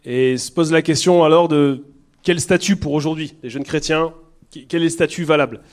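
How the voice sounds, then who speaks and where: A man's voice: a little high, fairly even intonation, normal speed, a little mellow. Earnest man with a southern French accent. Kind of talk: conversational teaching talk.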